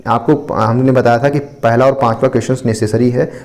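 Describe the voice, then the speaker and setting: A man walks through exam material in a steady teaching voice. His tone is warm and mellow at an average pitch, and he keeps circling back to check understanding. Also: brisk. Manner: explanatory, repeats points with frequent "ठीक है". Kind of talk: explaining an exam answer copy.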